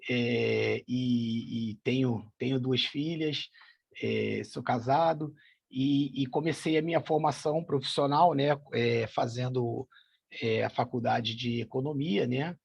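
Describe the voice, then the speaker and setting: Taking it slowly in a steady, medium-pitched voice that's creaky, slightly rough, and a little mellow, an association president answers interview questions as a guest. He's middle-aged, from São Paulo, Brazil, with a Carioca accent from Rio de Janeiro, and hesitates with many fillers. The audio sounds dull.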